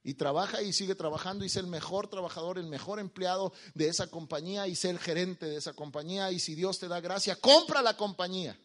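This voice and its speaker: Impassioned male preacher, fairly high voice. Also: steady tone, fast, hardly any pauses. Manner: passionate preaching, leading the congregation in call-and-response; swings between quiet intimate speech and loud emphatic declaration. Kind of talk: live sermon to a congregation.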